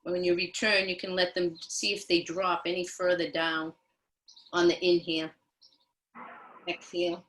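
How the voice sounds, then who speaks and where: A woman guiding mindful movement as a yoga and meditation instructor, with a soothing, gentle manner and unhurried pauses. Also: on the low side, flat delivery, rough recording.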